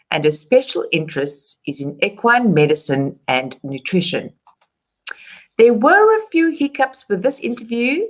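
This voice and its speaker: A woman presents a charity web show with cheerful, scripted energy. Her voice sits on the lower side for a woman, and she reads her lines with an upbeat lilt. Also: fairly bright tone. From South Africa. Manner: upbeat, reading a prepared script. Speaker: show host.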